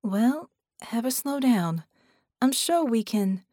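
A woman voicing a calm, practical adult woman illusionist. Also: a little high, slow pace, no echo, clean studio sound, pitched above the performer's own voice.

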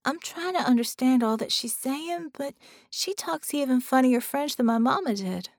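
Lady reading as a small earnest girl, high and eager, dry close sound. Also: lively intonation, moderate pace, no echo. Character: bright eager little girl.

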